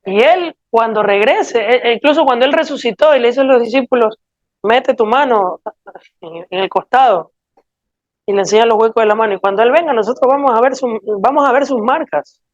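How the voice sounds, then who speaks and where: A woman's voice: fairly high pitch, a little fast, dry recording. Earnest woman preacher, lo-fi sound. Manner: earnest, pleading, asks rhetorical questions. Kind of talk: sermon. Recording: dull lo-fi dry sound.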